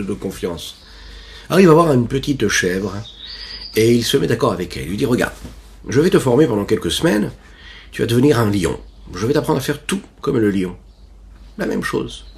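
Man telling a parable in a lively voice. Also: on the low side, vocal fry. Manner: storytelling with pauses and restarts. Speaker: rabbi teaching a class. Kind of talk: Torah lesson with a parable.

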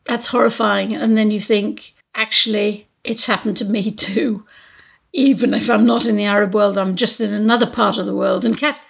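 A woman's voice: medium pitch, fairly even intonation, moderate pace, gravelly, slightly rough. A woman hosting a podcast, introducing recorded clips in a reflective, conversational way. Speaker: podcast host.

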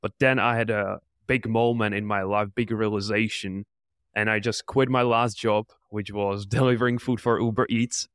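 A man's voice: on the low side, little pitch movement, normal speed, fairly bright tone, dry recording, studio quality. A man in his twenties from the Czech Republic, an entrepreneur answering interview questions in an earnest, motivational way. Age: 20s. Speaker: podcast guest, entrepreneur.

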